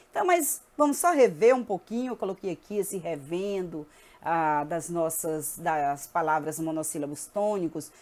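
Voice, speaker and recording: Female teacher, lively delivery with a swinging pitch, talks students through grammar rules. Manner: lively, checks in with the class.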